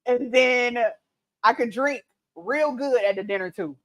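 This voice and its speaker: There's background noise as a late-thirties woman with a drawl chats slowly on her casual cooking livestream. A little tipsy from mimosas, she speaks in a slightly high voice, laughs often and reads viewer comments aloud.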